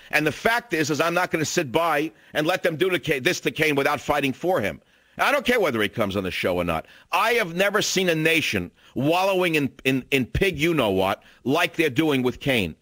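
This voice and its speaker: An older male radio host in full indignant rant. His voice sits slightly high and leaps all over the place as he hammers his points. The sound is dry and close on the studio mic. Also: big pitch swings, a little fast, a bit bright, dry recording. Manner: indignant, combative ranting. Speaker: radio talk show host. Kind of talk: talk radio monologue and call-in.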